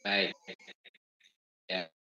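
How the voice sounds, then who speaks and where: A man's voice: very slow, pushed and bright, lo-fi sound. A man, a pastor, answering a question in an online discussion while his voice breaks up over an unstable connection. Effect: voice breaking up over an unstable online call.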